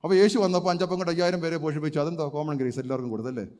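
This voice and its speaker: A male pastor preaching a sermon emphatically, firing rhetorical questions and breaking into loud cries of praise. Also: a little high, rapid-fire. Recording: long hall reverb.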